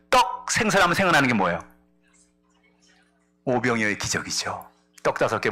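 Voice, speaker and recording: A male pastor preaches a sermon, energetically telling a story and voicing the characters' lines himself. He swings between loud exclamations and hushed asides, speaking at a medium pitch.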